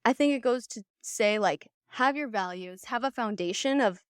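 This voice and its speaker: A woman's voice: a little high, normal speed, clear, resonant tone, no echo, studio quality. A young woman talking candidly as a podcast guest, speaking frankly and swearing casually. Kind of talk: casual chat.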